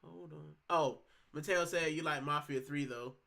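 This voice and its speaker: A Puerto Rican man in his thirties hosts a casual livestream from home, speaking a little high at a moderate pace with vocal fry and a sharp tone. He's chatty and rambling, full of slang and fillers, and reads out chat comments.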